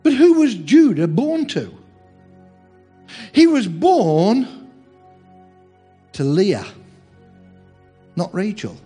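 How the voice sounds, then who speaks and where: A man's voice: high voice, big pitch swings, extremely slow, pauses often, dark tone, breathy edge, faint music behind. A man preaching a sermon in a humorous, chatty way, teasing his congregation.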